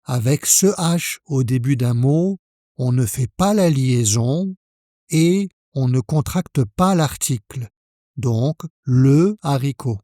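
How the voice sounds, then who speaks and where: A man from France teaching French pronunciation, speaking slowly and carefully, spelling out each sound for the learner. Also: medium pitch, expressive, mellow, dry recording, clean studio sound. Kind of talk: pronunciation lesson.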